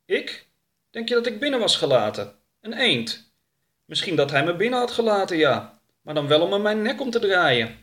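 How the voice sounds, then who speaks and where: A man voicing a naive, gentle traveller in a storybook reading, earnest and innocent. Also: high voice, sing-song, normal speed, pitched above the performer's own voice. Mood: sarcastic.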